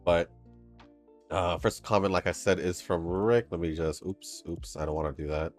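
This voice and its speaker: Here a male gaming host with a low, steady voice at normal speed chats loosely over gameplay. His nose sounds stuffed up, he wanders and laughs between comments, and soft game music sits quietly underneath.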